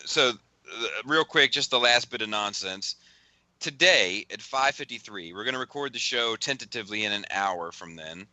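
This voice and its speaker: A man's voice: lowish voice, lively intonation, moderate pace, sharp tone, no room sound. A man hosting a podcast in casual chat, rambling through a funny story with lots of laughing and swearing. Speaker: podcast host.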